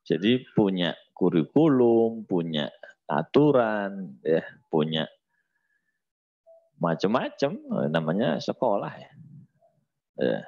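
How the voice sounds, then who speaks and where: A man leads a religious lesson in a low voice that leaps up and down in pitch. He mixes chanted Arabic phrases with joking, everyday talk. The recording sounds a bit dull and lo-fi. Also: slow, long pauses. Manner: lively, teasing, mixes Arabic recitation with colloquial speech. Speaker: Islamic religious teacher.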